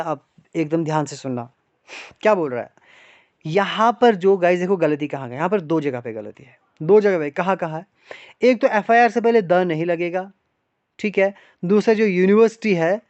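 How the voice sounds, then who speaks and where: High-voiced man teaching English grammar. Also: darkish tone, no room sound. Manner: explains step by step with frequent rhetorical questions and "guys". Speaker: English teacher for exam aspirants. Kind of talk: classroom lecture in Hindi mixed with English. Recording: dry, slightly dull online lecture audio.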